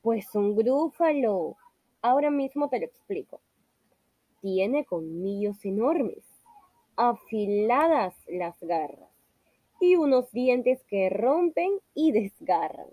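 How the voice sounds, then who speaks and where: A woman voicing a small, clever, boastful mouse who speaks slowly with a sly, playful manner. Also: fairly high pitch, lively intonation, warm tone, no room sound.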